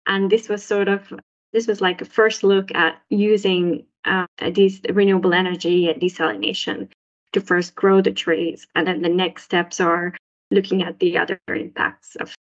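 A woman's voice: flat delivery, normal speed. Hesitant young woman researcher, muffled audio. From Sri Lanka. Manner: hesitant, many restarts and fillers. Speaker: postdoc researcher, guest. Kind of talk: casual interview answers. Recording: muffled low-fidelity audio.

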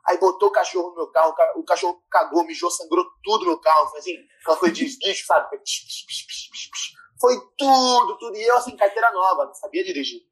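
Husky-voiced young Brazilian man, animated storyteller, self-deprecating. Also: sits high, fast talker, hardly any pauses, low-quality recording. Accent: Brazilian Portuguese. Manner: animated, self-mocking, swears freely. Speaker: guest storyteller. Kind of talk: casual podcast anecdote.

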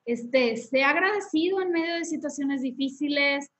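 Here the woman's voice is high and fairly bright, moving at a moderate pace. As host of a casual faith podcast, she guides listeners through steps with an instructive manner and frequent tag questions.

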